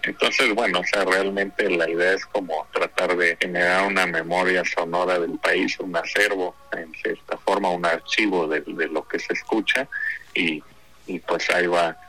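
Deep, bright-voiced Mexican man explaining. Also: steady tone, normal speed, low-quality recording. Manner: informal, explanatory, frequent tag questions. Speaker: radio guest representing a sound map project. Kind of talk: conversational interview explanation.

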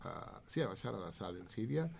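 A man hosting a radio show, joking and swearing in casual, animated talk. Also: low-pitched, moderate pace, vocal fry, slight background noise. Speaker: radio host. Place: radio studio.

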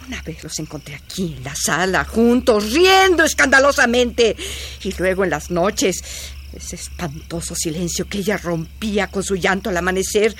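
A woman's voice: mid-range voice, fairly bright tone, breathy edge, full character voice. An older housekeeper in a radio play, anxious and protective, her voice rising and falling widely as she pleads and defers. She talks with humble, worried devotion. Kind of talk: radio drama acting.

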